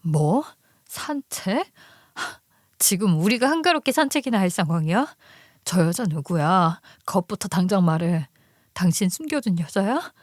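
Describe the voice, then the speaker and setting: A woman's voice: lowish voice, expressive, measured pace, dry recording, clean studio sound. A woman voicing a suspicious, furious wife who demands answers from her husband. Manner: sharp, demanding, agitated.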